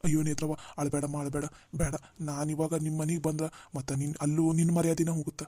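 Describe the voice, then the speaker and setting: Man playing a humbled cartoon brother, monotone, mellow, dry. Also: fairly high pitch, fast, no room sound, natural voice. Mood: pleading. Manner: gentle, pleading, dialect-heavy. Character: humbled jobless older brother, soft-spoken. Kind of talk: dubbed cartoon drama.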